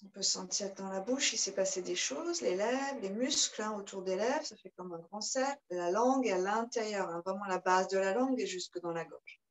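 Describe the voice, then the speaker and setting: A woman teaching a yoga class, giving calm, guiding cues and chanting rhythmic breath sounds. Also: medium pitch, fairly quick, few pauses, rough recording. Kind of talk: guided yoga class instruction.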